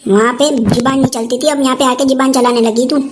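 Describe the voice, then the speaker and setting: A woman's voice: high-pitched, steady tone, fairly quick, noisy background, close to an everyday voice. A woman playing a nagging old mother-in-law. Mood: scolding. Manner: scolding, threatening, rustic dialect. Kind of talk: comic family skit.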